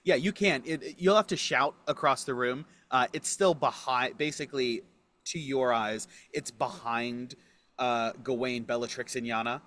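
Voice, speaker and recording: A man running a tabletop role-play game as game master, describing scenes with many pauses and restarts. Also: mid-range voice, a bit bright. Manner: unhurried, many fillers and restarts.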